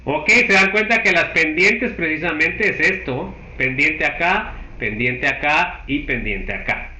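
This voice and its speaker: A man's voice: a little high, animated, measured pace, sharp tone. A man teaching a university chemistry class. He works through each step and keeps checking that the class follows. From Guatemala. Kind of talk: university lecture. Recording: echoey room.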